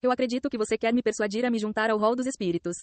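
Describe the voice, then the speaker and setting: Calm, cool young hero with a teasing edge, read by a woman, Brazilian accent, dry close sound. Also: a little high, racing, no echo, lightly acted. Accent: Brazilian Portuguese. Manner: calm, cool, lightly provocative. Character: young man, calm, confident, teasing swordsman.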